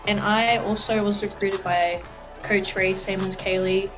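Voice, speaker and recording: A woman's voice: medium pitch, steady tone, a little slow, music in the background. Young woman, casual, lots of fillers. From New Zealand and Australia. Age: young adult. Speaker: college basketball player. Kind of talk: interview answers.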